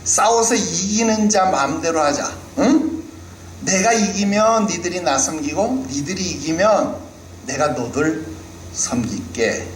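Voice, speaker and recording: A man's voice: fairly high pitch, expressive, unhurried, pitched above the performer's own voice. A scornful giant warrior taunts his foes and calls them slaves, as a preacher puts him on. He jeers in a raised, sneering voice. The sound is roomy, with a faint hum of the hall behind him. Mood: taunting. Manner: jeering, mocking, calling the listeners fools and slaves.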